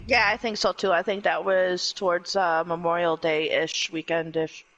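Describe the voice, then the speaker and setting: A co-commentator on a simulated wrestling match who often murmurs agreement and explains the rules in a relaxed way. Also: medium pitch, normal speed, poor audio. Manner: laid-back, agreeable, with many short murmured acknowledgments.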